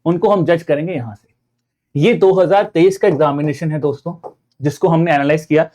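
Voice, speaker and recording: A man with an Indian accent teaches an online exam-preparation class, his voice sitting a little higher than most men's. He explains point by point, keeps addressing his viewers as friends, and mixes English terms into his speech. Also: fairly even intonation, moderate pace, dark tone. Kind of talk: online lecture.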